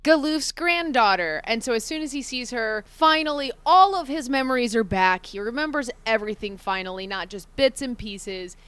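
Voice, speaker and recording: A woman's voice: fairly high pitch, animated, normal speed, hardly any pauses, fairly bright tone, smooth, dry recording. A woman co-hosting a casual chat and recapping a video game's plot, laughing often and acting out characters' lines. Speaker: podcast co-host.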